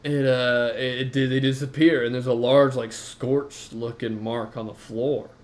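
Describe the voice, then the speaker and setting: A man narrating a tabletop game as game master, halting and full of fillers. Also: medium pitch, little pitch movement.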